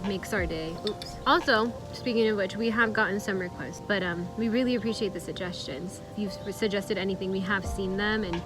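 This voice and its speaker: A woman's voice: medium pitch, brisk. Casual woman vlogger over background music. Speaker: vlog co-host. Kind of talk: casual couple vlog chat. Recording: background music behind speech.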